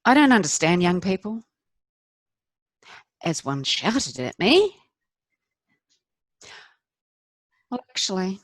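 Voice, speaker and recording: Performing a confessional stage monologue, a woman plays a candid, rueful middle-aged wife who is wry and self-deprecating. Her pitch sits in the middle, she uses deliberate emphatic pauses, and there's no room sound.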